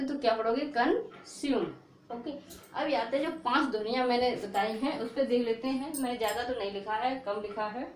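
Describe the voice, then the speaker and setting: A woman teaching at a board, repeating each word and asking the class what they will read. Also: a little high. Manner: repetitive, drilling questions like "what will you read?". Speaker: English teacher. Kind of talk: board lesson for a video. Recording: echoey room with faint hiss.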